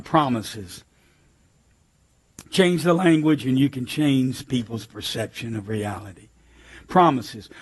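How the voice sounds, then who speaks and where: An older American man preaching a sermon in an animated, emphatic way, with sudden shouted lines and a slightly husky voice. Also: mid-range voice. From United States. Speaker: pastor.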